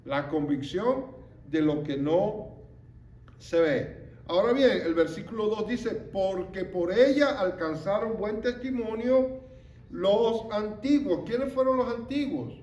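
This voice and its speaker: This expressive, slightly mellow man speaks in a fairly high voice, walking through a Bible lesson at a relaxed pace. He keeps engaging his audience with rhetorical questions, and the room adds a clear echo.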